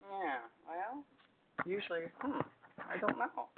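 Soft-spoken woman calling in to a group meeting, sounding like she's inside a tin can over a thin phone line. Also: medium pitch, very animated, slow, creaky, noisy background. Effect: tinny, muffled sound as if talking inside a tin can. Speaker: meeting member sharing.

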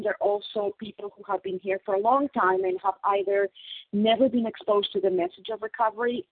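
A woman's voice: medium pitch, no room sound. A woman sharing earnestly at a recovery phone meeting, her voice on a crackly phone line that fades in and out. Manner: earnest, explanatory, repeats key phrases. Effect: crackly phone line fading in and out. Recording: tinny dry phone line.

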